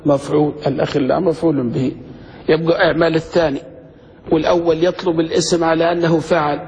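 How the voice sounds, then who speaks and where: A man, teaching a grammar lesson and quizzing his students, slowing down to spell out each example. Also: on the high side, fairly even intonation, a little mellow. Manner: asks students questions, slows to spell out examples. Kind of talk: classroom lesson. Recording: dull lo-fi recording with long reverb.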